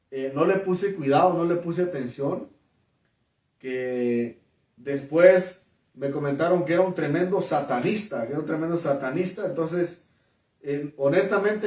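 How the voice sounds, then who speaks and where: A man's voice: fairly high pitch, a little mellow, distant mic. A man preaching and giving his testimony in an emphatic way, with many fillers and repeated words. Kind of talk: testimony sermon. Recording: echoey room, voice from off mic.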